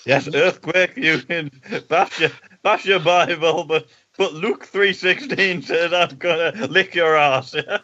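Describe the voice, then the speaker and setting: Bright-voiced man in casual banter. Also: fairly high pitch, slow, highs cut off. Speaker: podcast panellist. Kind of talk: casual banter about wrestling.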